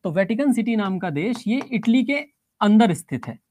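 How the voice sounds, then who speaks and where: A woman's voice: mid-range voice, big pitch swings, moderate pace, a little mellow. A woman teacher giving a geography lesson, explaining step by step, checking in with her students and mixing English phrases into her Hindi.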